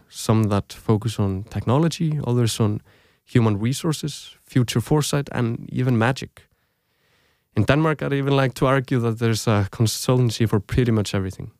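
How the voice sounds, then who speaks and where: On a thoughtful podcast meant for earbuds, a young Icelandic man, native in Icelandic, reads his scripted story at a measured pace from a dry booth with no echo. His voice is medium-pitched and a little mellow.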